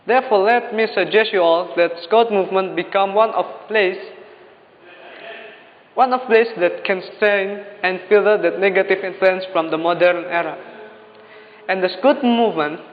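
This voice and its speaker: Speaking at a moderate pace in a high-pitched voice, a young speech contestant with an Indonesian accent delivers his memorized piece in a formal, declamatory, exhorting style. Faint noise and hall echo color the dull, lo-fi capture.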